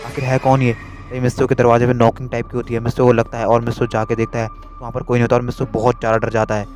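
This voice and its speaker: A man narrating a spooky story in a hurried, repetitive way. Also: mid-range voice, monotone, a little mellow, faint music behind.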